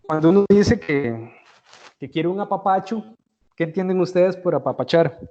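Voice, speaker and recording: A man's voice: high voice, moderate pace, warm tone, highs cut off. A man with a Costa Rican accent giving a university tutoring lecture, chatty and conversational, often checking in with his students. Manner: conversational, frequent "¿verdad?" check-ins and restarts.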